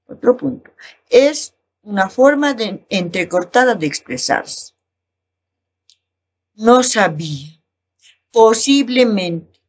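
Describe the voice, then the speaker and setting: A woman teacher with a Bolivian Spanish accent, explaining a lesson slowly and reading examples aloud. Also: medium pitch, animated. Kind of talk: recorded class lesson.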